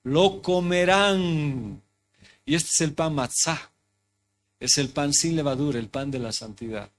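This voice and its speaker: A male pastor gives an interactive sermon in a church hall, repeatedly asking his congregation questions and repeating his phrases. His voice is medium in pitch and moves at a moderate pace.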